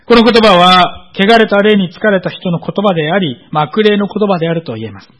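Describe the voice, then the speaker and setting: A man preaching a sermon in a measured, explanatory way, often pausing on filler words. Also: high-pitched, fairly bright tone, low-quality recording. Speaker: pastor.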